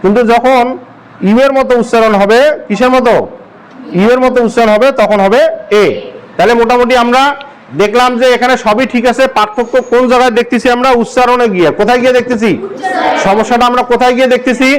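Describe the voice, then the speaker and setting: A man's voice: very high voice, fairly even intonation, fast, smooth, low-quality recording. A male English teacher from Bangladesh giving a classroom grammar lesson, asking the class the same question again and again. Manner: drills the class with repeated questions.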